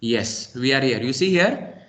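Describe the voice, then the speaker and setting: A man lecturing with an Indian English accent narrates a screen-recorded lab demo at a middle pitch for a male voice. He walks through each click step by step, often stopping on a steady "okay."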